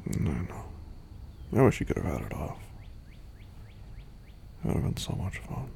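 Sleepy hungover man for intimate roleplay; low voice with a lively lilt, soft whispers. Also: moderate pace, creaky, a little hiss or hum. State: hungover and half asleep.

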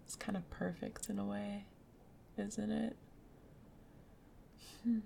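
Woman, soft whisper, soothing, slow, heavy vocal fry, faint rain behind. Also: mid-range voice, flat delivery, a little hiss or hum. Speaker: girlfriend roleplay. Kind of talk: ASMR roleplay. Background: rain sounds.

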